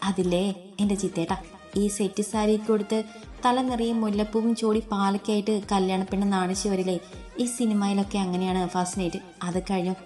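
A teary, clingy young wife from an audio story, voiced by the woman reading it. She pleads in a childlike way, at an ordinary pitch, with soft music behind her. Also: level tone, a little fast, lightly acted. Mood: playful.

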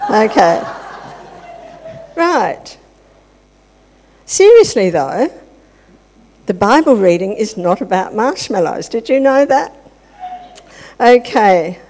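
Very animated, an older woman chats with children and quizzes them during a playful church-service talk. Her mid-range, darkish voice moves slowly and pauses often. A handheld mic records her in a large church hall before the congregation, with a long hall reverb.

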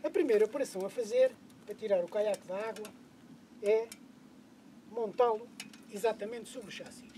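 A man's voice: high-pitched, moderate pace, pauses often, dark tone, a little hiss or hum. A middle-aged man with a European Portuguese accent, the host of a kayak fishing channel, patiently explaining a DIY setup step by step outdoors on a lakeshore, with the odd hesitation. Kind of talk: DIY how-to narration.

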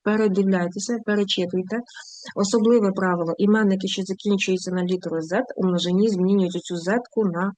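A woman's voice: mid-range voice, steady tone, fairly quick, darkish tone, dry recording, rough recording. A middle-aged woman teaching an online grammar lesson, explaining patiently step by step and checking that learners follow. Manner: patient, explains step by step, often asks "бачите?". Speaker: language teacher.

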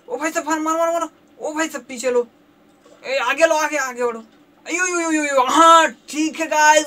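A man giving excited gameplay commentary as a gaming video host, yelling repeated exclamations while he plays. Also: very high-pitched, distant mic. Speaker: gaming YouTuber.

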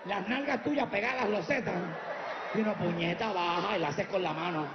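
A Puerto Rican man works a live crowd with brash, profane stand-up, his voice high and swooping. Gravelly edges roughen his delivery. The dull lo-fi tape carries a long hall echo and steady audience noise. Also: moderate pace. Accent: Puerto Rican Spanish. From Puerto Rico. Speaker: stand-up comedian. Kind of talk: stand-up comedy. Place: live stage before an audience.

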